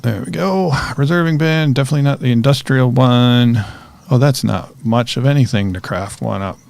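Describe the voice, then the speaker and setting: A man giving relaxed, chatty commentary while he plays a survival game, talking to himself as he goes. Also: medium pitch, moderate pace. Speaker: gaming streamer. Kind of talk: casual gameplay commentary.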